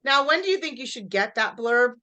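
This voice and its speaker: A woman with a fairly high voice leads a live real estate training session. She addresses the room directly, tosses questions to her listeners and acts out quick exchanges with clients. Her delivery is energetic and conversational. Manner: energetic, talks straight to the audience, quizzes them. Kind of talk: live workshop teaching.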